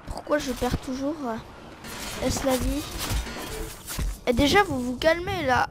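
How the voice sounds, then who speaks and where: A woman's voice: sits high, takes it slowly, over music. A woman giving casual gameplay commentary, playfully taunting and trash-talking her opponents. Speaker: gamer. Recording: loud gunfire from the game under the voice. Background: game gunfire and ambience.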